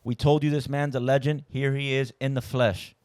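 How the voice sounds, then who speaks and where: A man runs a relaxed podcast interview, joking and ribbing his guest as he goes. His voice is mid-pitched and plain. The sound is close and dry, with no room around it. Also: normal speed, clear, resonant tone, dry recording. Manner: playful, teasing. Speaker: podcast host. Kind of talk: casual interview.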